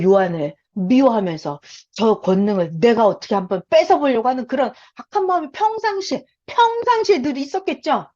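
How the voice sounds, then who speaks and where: Fairly high-voiced woman teaching scripture. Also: darkish tone. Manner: emphatic, repeats points, rhetorical questions. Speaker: Bible teacher. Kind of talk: Bible study teaching. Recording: dull lo-fi sound.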